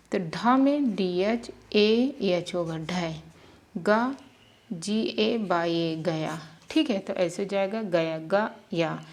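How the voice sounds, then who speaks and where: A woman teaching beginners how to spell syllables, repeating each sound patiently and checking in often. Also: medium pitch.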